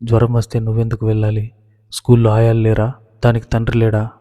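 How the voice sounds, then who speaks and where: A man voicing an angry, strict middle-aged father who shouts accusations. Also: on the low side, monotone, quick pace, big-room sound, close to an everyday voice. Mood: furious.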